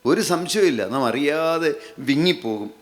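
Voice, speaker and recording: A man preaching a sermon, repeating phrases emphatically, slowing down on key lines and putting questions straight to his listeners. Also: on the high side, animated. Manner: repetitive, emphatic phrasing with slowed, drawn-out lines; addresses listeners directly with questions.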